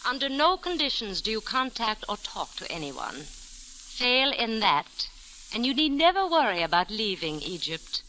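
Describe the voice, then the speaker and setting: A woman with a slightly high, very animated voice speaks unhurriedly in a sharp, exaggerated tone. She is an actress in a 1940s-style radio detective drama, playing a cool, threatening female spymaster who is precise, formal, imperious and commanding. The audio is poor, an old radio recording with faint hiss.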